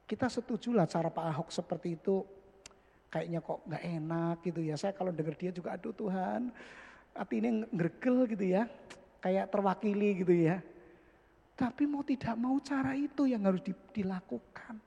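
A man preaching a sermon, leaping high and loud for emphasis and dropping soft and low for asides. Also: normal speed. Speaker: pastor. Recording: long hall reverb, husky voice.

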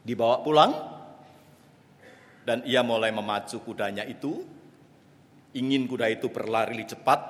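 A man preaching a sermon, telling a story dramatically and swinging between loud calls and hushed asides. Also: medium pitch. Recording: long reverb of a large hall.

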